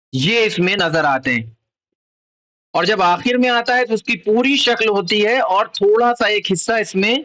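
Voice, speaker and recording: Man with an urdu accent, patient children's teacher, high voice, bright tone. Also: low-quality recording. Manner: patient, repeats letter names and sounds. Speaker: Arabic alphabet teacher for children. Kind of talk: slow explanatory lesson.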